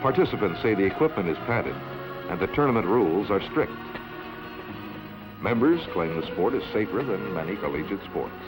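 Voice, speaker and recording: A man narrating an old newsreel in a measured, formal announcing manner. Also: on the low side, lively intonation, music in the background, poor audio.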